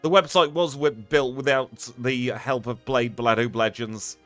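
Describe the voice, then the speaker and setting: A man's voice: medium pitch, fairly even intonation, measured pace, no echo. Guy chatting on a game stream, dry close sound, a little music behind. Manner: chatty, upbeat, thanks viewers one by one. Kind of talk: live stream sign-off chat.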